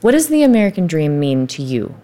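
A woman moderating a panel discussion, asking questions in a polite, measured way. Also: low voice, big pitch swings, dark tone.

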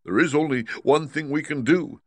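Man voicing the Cowardly Lion, high-strung and earnest. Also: moderate pace, dry recording, close to an everyday voice. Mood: resolute but fearful. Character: cowardly male lion, anxious but earnest, pleading.

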